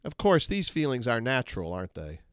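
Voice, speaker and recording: A man speaks in an earnest, measured way, teaching parents on a faith-based podcast. His mid-range voice comes through a close mic with a dry, dead sound and no room echo. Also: mid-range voice, wildly swooping pitch, smooth. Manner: earnest, measured instructional delivery. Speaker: podcast host.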